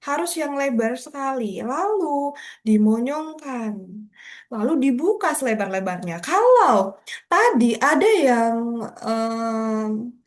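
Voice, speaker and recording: High-voiced woman teaching public speaking. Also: very animated, slow. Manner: encouraging, addresses audience as Bapak Ibu and kakak-kakak; demonstrative, reads tongue twisters and example sentences aloud. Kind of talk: workshop lecture.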